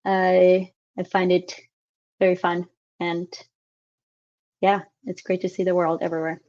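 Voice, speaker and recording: A woman's voice: on the low side, level tone, measured pace, a little mellow, dull audio. A woman in her late twenties from Finland, introducing herself as the instructor of an online class in a casual, chatty way with many filler sounds. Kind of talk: casual classroom introduction over video call. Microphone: computer mic on a video call.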